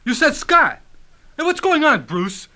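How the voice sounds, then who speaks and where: An actor playing an indignant, easily flustered husband in a radio comedy sketch, sputtering and stammering. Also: male voice, very high-pitched, big pitch swings, moderate pace, pushed and bright, exaggerated voice.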